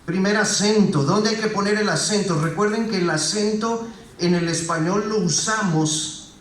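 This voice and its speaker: High-voiced pastor in an echoey hall. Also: male voice, fairly bright tone, a little hiss or hum. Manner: engaging, asks the congregation frequent questions. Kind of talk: sermon. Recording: roomy echo, voice heard from a distance.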